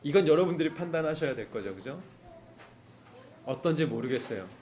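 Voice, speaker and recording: A man's voice: a little high, animated, fairly quick, darkish tone. A male pastor giving a conversational sermon, telling the story vividly and asking the congregation questions. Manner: acts out cries of the characters.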